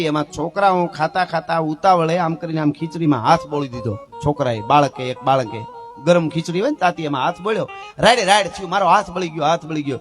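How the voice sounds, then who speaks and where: A man telling a folk story, lively and addressing his listeners directly. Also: a little high. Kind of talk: folk storytelling with sung verse.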